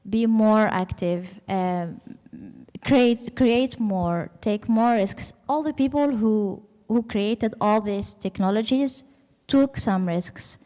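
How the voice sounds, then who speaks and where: A woman's voice: mid-range voice, slow, warm tone. A woman speaking on a panel in an emphatic, persuasive way, urging action. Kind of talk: panel discussion. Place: expo hall panel. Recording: reverberant hall.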